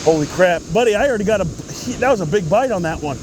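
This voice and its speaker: Rushing water runs clearly behind a man with a slightly high-pitched voice. He talks in a casual, folksy way, like an amateur angler narrating a fishing vlog outdoors. His wording is informal and exclamatory. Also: animated, noisy background.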